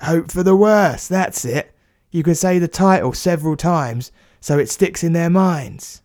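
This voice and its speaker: A man's voice: a little high, a little slow, darkish tone, no room sound, studio quality, pitched above the performer's own voice, lightly acted. A man voicing a cheeky, blunt working-class plumber, in a comic audio story. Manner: blunt, matey, slangy.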